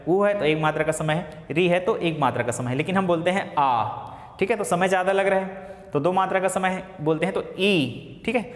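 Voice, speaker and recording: A male teacher giving a classroom lecture, asking and answering his own questions and slowly repeating key phrases. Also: high-pitched. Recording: echoey classroom with long reverb.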